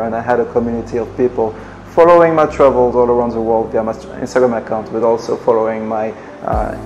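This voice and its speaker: A travel blogger from Ivory Coast in his late twenties, who has a French accent, earnestly and reflectively tells his personal story to camera from his living room, using many fillers. His mid-range voice is darkish, and the lo-fi sound comes from a camera at desk distance.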